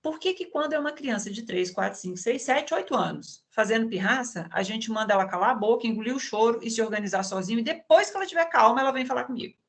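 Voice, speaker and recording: A woman's voice: fairly high pitch, expressive, quick pace, hardly any pauses. A woman psychologist in an online conversation, explaining with everyday examples and frequent tag questions over a video call.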